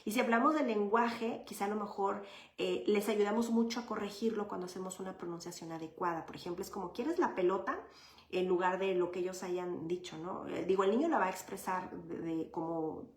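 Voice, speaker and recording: A woman's voice: medium pitch, fairly even intonation, a little fast. A woman with a mid-range voice answers viewers' questions in a live session. She explains child development patiently, in a chatty way full of fillers. The room gives her voice a roomy echo. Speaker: child psychologist.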